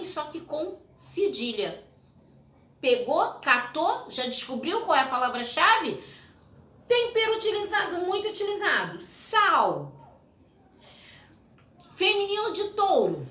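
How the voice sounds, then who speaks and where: A woman's voice: a little high, fairly bright tone. A woman, a Sunday school teacher giving a recorded Bible lesson and talking playfully and directly to preteens. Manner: upbeat, playful, talks directly to kids. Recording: echoey room with light hiss.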